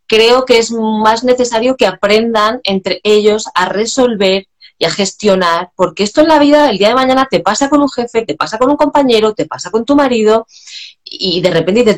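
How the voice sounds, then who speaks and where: A woman and mother of four talking casually about her children, quoting what she says to them. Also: medium pitch. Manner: anecdotal, quotes her own words. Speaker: professional speaking as a mother. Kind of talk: casual conversation.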